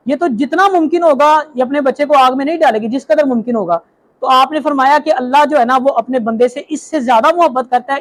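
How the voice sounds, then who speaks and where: A young man preaching a religious talk, telling stories and asking rhetorical questions. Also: very high voice. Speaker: Islamic preacher.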